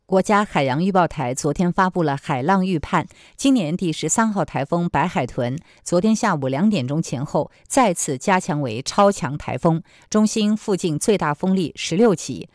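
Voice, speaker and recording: A woman's voice: on the low side, lively intonation, normal speed, hardly any pauses, darkish tone, no echo, clean studio sound. A woman working as a radio presenter, reading scripted news and commentary.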